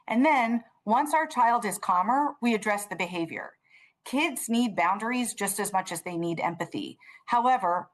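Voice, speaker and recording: A woman presenting a parenting webinar in a calm, measured, explanatory way. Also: medium pitch.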